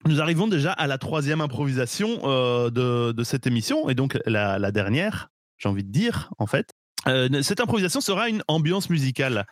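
A man hosting a live improv show, explaining in a relaxed, rambling way with lots of fillers. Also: medium pitch, moderate pace, no room sound, studio quality.

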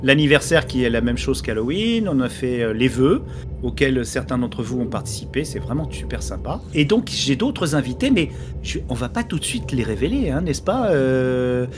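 A man's voice: mid-range voice, very animated, normal speed, over music. A man hosting a live podcast event over a voice call, jokey and self-mocking. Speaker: podcast host and jury president. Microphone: voice call over Discord.

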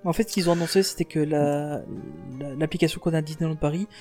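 A man's voice: on the high side, steady tone, quick pace, warm tone, soft background music. A man chatting on a casual podcast, enthusiastic and rambling, often restarting his sentences.

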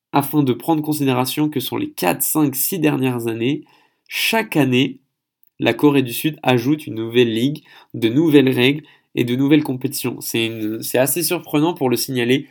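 A man's voice: mid-range voice, normal speed. A man from France hosting a solo podcast, explaining at length and thinking aloud, often correcting himself mid-sentence. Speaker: podcast host.

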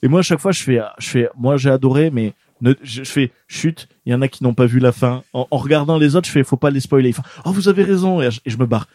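A man's voice: mid-range voice, fast, few pauses, dark tone, no room sound. A man hosting a casual radio show in a studio, chatting loosely with lots of fillers and restarts.

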